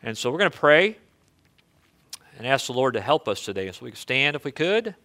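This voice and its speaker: A man's voice: medium pitch, very animated, a little fast, bright, forceful tone, no room sound. A man preaching as pastor at a pulpit microphone, earnest and pleading, often repeating words as he leads a prayer in a church. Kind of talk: sermon and closing prayer. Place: church sanctuary.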